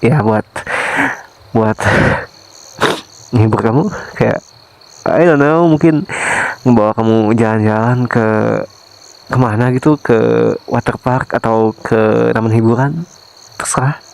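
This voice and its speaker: A man voicing a remorseful young husband softly pleading with his wife, in a whispered role-play that sprinkles in English phrases. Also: medium pitch, slow pace, creaky, pauses often, poor audio. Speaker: ASMR voice actor.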